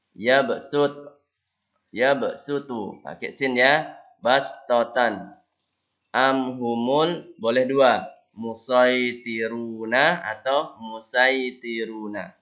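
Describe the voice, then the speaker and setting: A man teaching Quran recitation, explaining each rule in casual asides and then chanting the verse slowly and drawn out. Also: medium pitch, a bit bright, highs cut off.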